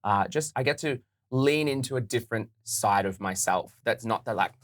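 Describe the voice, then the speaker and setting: A man's voice: medium pitch, normal speed. A young adult man with an Australian accent and a slightly nasal voice, chatting casually as a podcast guest and laughing often. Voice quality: a bit nasal. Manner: animated, laughs often, camp. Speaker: saxophonist guest. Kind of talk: casual chat.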